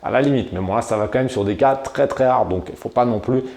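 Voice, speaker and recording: A man from France gives casual e-commerce advice to camera, chatty and full of slang. His voice is mellow and dark. The room around him leaves a noticeable echo. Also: mid-range voice, fast talker, vocal fry. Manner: chatty and slangy, addresses the viewer familiarly. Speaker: e-commerce video host. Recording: roomy echo.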